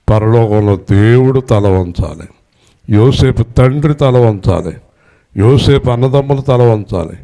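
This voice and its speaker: A man preaching a sermon who scolds and quizzes his congregation, demanding loud answers, and swings from low murmurs up to high shouted peaks. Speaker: pastor.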